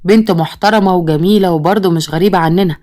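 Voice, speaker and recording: A woman's voice: fairly low pitch, fast talker, warm tone, lightly acted. Bossy Egyptian father, read by a woman. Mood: stern. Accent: Egyptian Arabic. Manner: commanding, scolding. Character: stern, bossy village father who favors his daughter-in-law.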